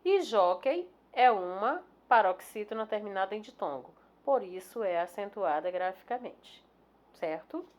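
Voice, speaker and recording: A woman's voice: mid-range voice, expressive, a little slow, dull audio. A woman, a primary school teacher in a recorded lesson going through corrected exercises, patient, drawing out key words and checking in with "né?" and "certo?".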